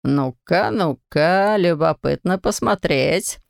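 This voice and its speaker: A woman's voice: on the low side, animated, gravelly, dry recording, clean studio sound, pitched below the performer's own voice, exaggerated voice. A woman reading aloud and voicing a meddling, mocking middle-aged male neighbor who drawls his remarks. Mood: teasing. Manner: teasing, drawling, slow.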